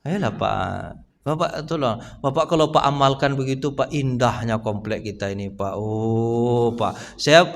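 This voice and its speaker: A man's voice: medium pitch, measured pace, creaky, slight background noise. A male Islamic preacher giving a casual morning study talk in a mosque, who keeps asking his congregation questions. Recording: echoey mosque hall with long reverb.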